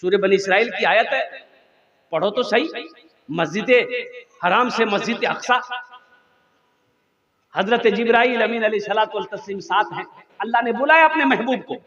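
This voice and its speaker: A man's voice: sits high, moderate pace, pauses often, fairly bright tone. A male Islamic preacher telling humorous stories in a sermon, singing refrains and prompting the crowd to answer. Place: religious gathering. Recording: echoey, dull lo-fi PA sound.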